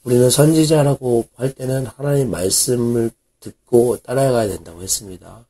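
A man, a pastor, giving a Bible English reading lesson, reading verses slowly and asking and answering his own questions. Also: medium pitch, dark tone. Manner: asks questions and answers them himself.

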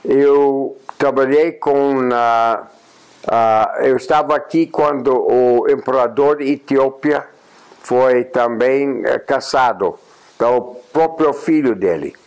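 This is a rough recording of a native English-speaking American man in his eighties, a journalist and honorary consul, being interviewed in a plain indoor room. His medium-pitched voice is darkish yet clean, and his reflective talk is unhurried, broken by "ah" pauses and restarts.

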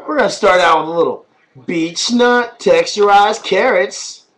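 A faint hiss or hum runs under this recording of a man in his thirties babbling to his baby in a lively singsong. His voice is high and a little slow, captured by a webcam at arm's length in a small room at home as he films a vlog.

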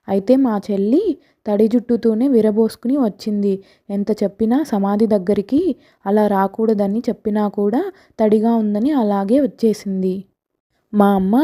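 A woman narrating a village ghost story in a calm, matter-of-fact storytelling way. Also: mid-range voice.

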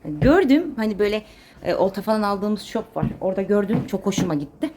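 A woman's voice: mid-range voice, expressive, a little fast, background noise. Chatty woman vlogging her chores. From Turkey. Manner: chatty, talks to pets and plants. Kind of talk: casual chat while doing chores. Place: home and garden.

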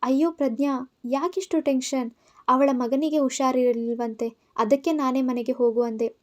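A woman voicing a calm, kind young wife in an audio story, speaking softly and reassuringly. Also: high voice, normal speed, natural voice. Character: calm, kind pregnant woman, mild and soothing.

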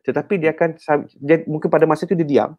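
A man with a Malaysian accent, a counselor guest on a radio talk show, explaining in an animated, teacherly way with frequent "ha" and "kan" tags, in a radio studio. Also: on the high side, fast, highs cut off.

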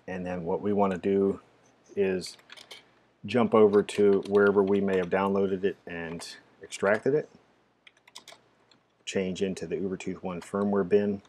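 Deep-voiced man walking through a terminal setup. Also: level tone, unhurried, long pauses, darkish tone, slight background noise. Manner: casual, many "uh" fillers, narrating each step. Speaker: tech tutorial presenter. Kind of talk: screen-recorded software walkthrough.

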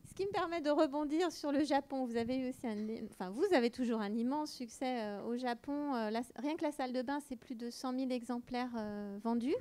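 A woman's voice: high voice, brisk, few pauses, warm tone, clean tone. A woman moderating a public conversation with an author, enthusiastic, with occasional fillers. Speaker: moderator of a book festival talk.

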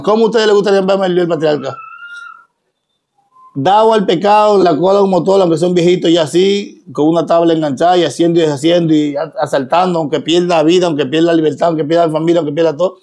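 A man's voice: on the high side, a little mellow. A man with a Dominican accent speaking straight to his followers, emphatic and preachy, full of rhetorical questions. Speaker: social media personality. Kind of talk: direct-to-camera monologue.

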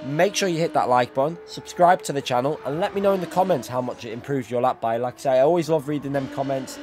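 Hosting a sim racing YouTube tutorial, a man with a cold who is losing his voice explains things step by step over racing game footage. He talks fast at a medium pitch, with background noise present.

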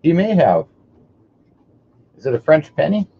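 A man's voice: on the high side, big pitch swings, measured pace, creaky, husky. A man calling a live online coin auction, chatty and greeting bidders by name. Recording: dull audio with faint hiss.

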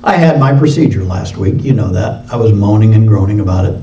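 A man preaching a sermon in a conversational way, moving between loud emphatic lines and quiet low asides. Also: expressive, fairly quick, slight background noise. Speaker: pastor. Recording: roomy hall sound from a distance, dull lo-fi.

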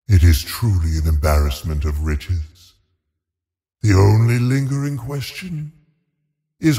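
Video game lich villain, cold and cruel, low swooping delivery, cavernous reverb, theatrical menace. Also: male voice, mellow, full character voice. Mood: gloating, scheming. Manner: menacing, theatrical, deliberate and gloating. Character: sinister undead lich sorcerer, cold, haughty, savoring cruelty.

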